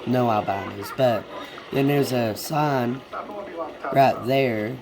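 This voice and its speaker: A man with a congested, sick-sounding nose talks very slowly through an unscripted game tour. His delivery is casual and halting, at a medium pitch. A crowd is clearly audible behind him. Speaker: gamer giving a video game tour. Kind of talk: casual rambling game walkthrough.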